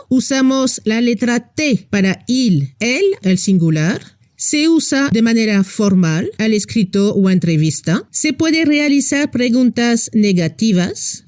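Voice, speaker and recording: A woman giving a scripted language lesson in a slightly high, very lively voice. She reads example phrases slowly and deliberately. The sound is dry and close, with no room echo. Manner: slow, deliberate teaching delivery with careful example phrases. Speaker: French teacher.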